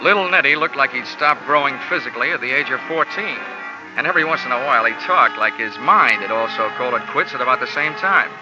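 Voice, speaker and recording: Over lo-fi music in the style of an old radio broadcast, a man narrates as a wisecracking insurance investigator in a 1950s radio drama. His mid-range voice moves fast with lively intonation, yet the delivery stays dry and hard-boiled.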